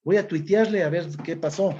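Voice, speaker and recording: A man's voice: sits high, normal speed, a little mellow, lo-fi sound, slight background noise. A man from Ecuador with an Ecuadorian accent, teaching a class and explaining step by step, often checking in with his listeners. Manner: explanatory, often adds "¿no es cierto?". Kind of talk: recorded class lesson.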